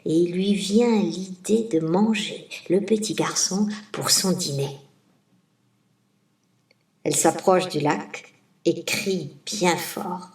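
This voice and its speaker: Woman storyteller, folk tale, slow rhythmic telling, roomy echo. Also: lowish voice, darkish tone. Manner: slow, rhythmic, savoring listed words. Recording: roomy, distant mic.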